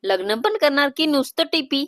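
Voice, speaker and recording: A woman voicing an excitable, prying young woman who teases her elder sister, in a storybook reading. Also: high-pitched, normal speed, dry recording, clean studio sound. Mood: curious. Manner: eager, prying, playfully apologetic.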